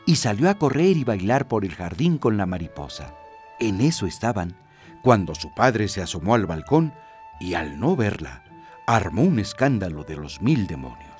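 A man's voice: fairly low pitch, a little mellow. A man narrating a children's story as a storyteller.

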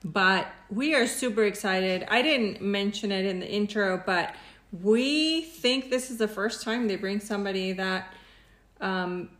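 A middle-aged Mexican woman co-hosts a podcast, chatting casually and enthusiastically while switching between English and Spanish. Her voice is medium-pitched and a bit bright, with a measured pace and a reverberant sound.

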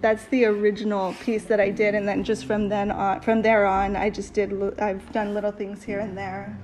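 A woman's voice: mid-range voice, level tone, moderate pace, music in the background, rough recording. A woman co-hosting a casual talk, sharing a personal testimony in an earnest, rambling way with fillers. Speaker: podcast co-host.

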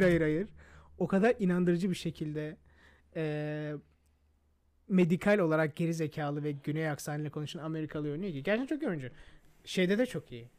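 A man chats on a casual podcast in a high, bright-pitched voice. He talks quickly and animatedly, teasing his friend and cutting in often. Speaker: podcast co-host. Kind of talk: casual chat.

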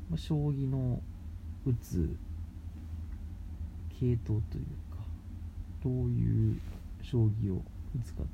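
A man talking casually as a radio host, explaining things in halting, phrase-by-phrase steps. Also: medium pitch, fairly even intonation, gravelly. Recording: muffled lo-fi with faint background noise.

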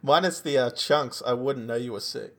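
A man's voice: mid-range voice, moderate pace, fairly bright tone. An Australian man co-hosting a podcast, chatting casually and telling anecdotes. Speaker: podcast co-host.

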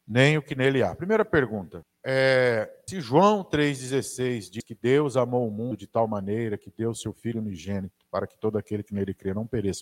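A man with a Brazilian Portuguese accent, preaching a conversational sermon with asides to the audience. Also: medium pitch.

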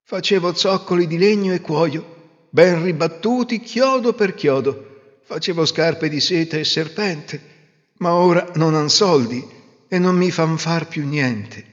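A man's voice: fairly high pitch, measured pace, lightly acted. A man voicing a poor village cobbler who laments his trade in rhyme. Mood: lamenting. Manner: rhyming lament. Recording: roomy reverb, dull lo-fi sound.

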